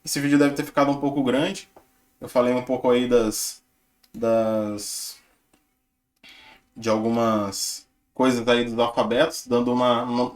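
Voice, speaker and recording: A young man, casually walking viewers through his notes on learning Japanese and chatting with lots of tag questions. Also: mid-range voice. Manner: chatty, relaxed, filler-heavy with tag questions. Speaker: channel host sharing his Japanese study. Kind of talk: casual screen-share walkthrough.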